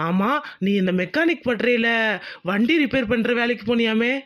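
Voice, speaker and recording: A man's voice: extremely high pitch, lively intonation, moderate pace, a bit bright, highs cut off. A man voicing a loyal, chatty young male friend in a village cartoon, chummy and admiring in tone.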